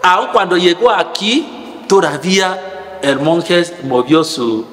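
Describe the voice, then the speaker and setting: A preacher who speaks slowly in a fairly high voice, stumbling over and repeating words before he presses a point home. His sermon rings out in a large, echoey hall with a long reverb. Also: lively intonation, fairly bright tone. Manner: halting, repeats words, rising to emphatic.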